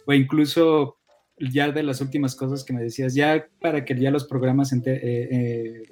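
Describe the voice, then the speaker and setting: A man's voice: medium pitch, steady tone, moderate pace, a little mellow, soft background music. A man chatting on a radio show, rambling with many fillers and restarts. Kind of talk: casual radio show chat.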